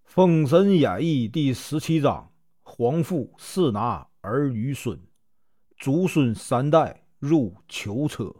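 A man with a Northeastern Mandarin accent telling a classic novel in a chatty, colloquial way, full of drawn-out fillers. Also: mid-range voice, lively intonation, warm tone. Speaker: storyteller.

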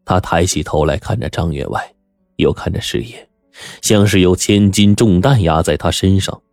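A man narrating a story in a dramatic, expressive way. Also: moderate pace, no room sound, studio quality, soft background music. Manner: expressive, swinging pitch for drama.

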